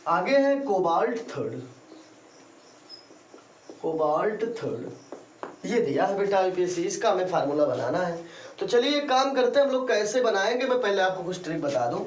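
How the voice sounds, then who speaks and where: A high-pitched male chemistry teacher lectures in an echoey room. He calls his students "beta" and drills terms in call-and-answer. The camera picks him up from a distance over faint ambient noise. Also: animated, fast talker. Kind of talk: classroom lecture.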